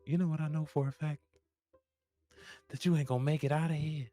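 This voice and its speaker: A man's voice: fairly high pitch, steady tone, fairly quick, warm tone, soft background music. A man playing a tabletop game, trash-talking in character with swagger. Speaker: player.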